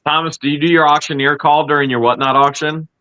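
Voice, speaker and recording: Middle-aged guy, bright punchy voice, dry jokes in a casual chat. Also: on the high side, steady tone, fast, low-quality recording.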